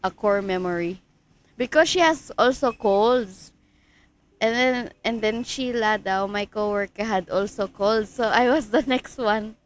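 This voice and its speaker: Unhurried and mid-range in pitch, a Filipino-accented woman talks casually to her livestream audience through a streaming mic. Frequent giggles break up her speech, and her blocked nose and sick, congested tone give away a cold.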